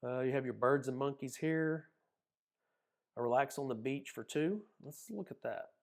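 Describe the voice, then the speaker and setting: A man's voice: medium pitch, moderate pace. A man with an Oklahoma accent, casually narrating a screen walkthrough in a folksy, chatty way. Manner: folksy, chatty, says y'all. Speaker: cruise vlogger.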